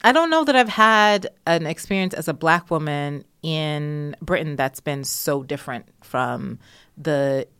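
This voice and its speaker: A woman from Jamaica with a low voice talks through her answers, pausing on fillers and laughing now and then. The sound is dry and close, with no room echo. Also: lively intonation, a bit bright, smooth. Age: adult. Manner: thoughtful, with frequent laughter and fillers. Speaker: interviewee. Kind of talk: conversational interview.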